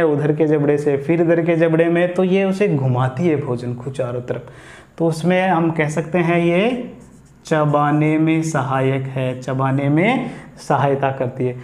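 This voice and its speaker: A man's voice: fairly high pitch, a little mellow. Echoey male biology teacher. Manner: explains step by step, repeats key points. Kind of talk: classroom explanation. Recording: echoey room.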